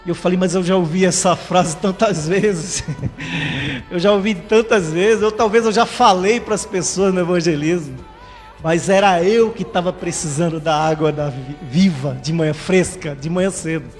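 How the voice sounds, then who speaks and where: A male pastor delivers a fervent, conversational sermon, often checking in with his listeners mid-phrase. His voice sits notably high. It rings with a long hall reverb over faint background music. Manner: fervent, conversational preaching with frequent "né?" tags. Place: church livestream.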